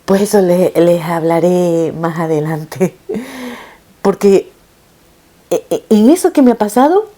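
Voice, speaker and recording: A middle-aged woman, a mother, telling her viewers a painful personal story in an emotional, halting way, with frequent restarts. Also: lowish voice, lively intonation, mellow. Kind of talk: personal testimony told to viewers.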